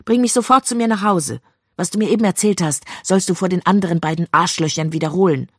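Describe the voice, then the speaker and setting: A reader voicing a fiery young wife who shouts at her husband in outrage. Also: medium pitch, fast, no echo, clean studio sound, lightly acted. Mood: furious. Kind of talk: audiobook reading.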